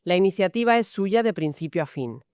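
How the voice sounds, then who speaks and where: A woman's voice: mid-range voice, lively intonation, fairly quick, a little mellow, clear, resonant tone, dry recording, studio quality. A woman from Spain co-hosting a Bible study podcast, asking and clarifying points. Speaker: podcast co-host.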